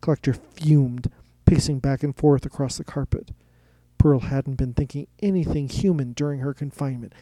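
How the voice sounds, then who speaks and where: A man narrating a story in a steady, even reading style. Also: mid-range voice, normal speed, no room sound.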